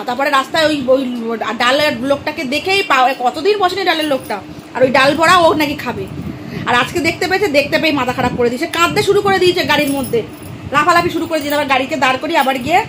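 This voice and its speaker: A woman's voice: high voice, background noise. A woman vlogging her day as a mother, talking straight to her viewers in a chatty, casual way. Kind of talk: casual daily vlog narration. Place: outdoors on the street, then at home.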